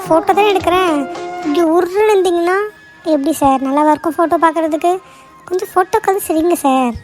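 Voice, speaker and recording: A woman's voice: very high voice, fast talker, faint music behind. A woman voicing a young cartoon woman who teases her serious boss while taking his photo. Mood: teasing. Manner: playful, coaxing. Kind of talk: cartoon voice acting.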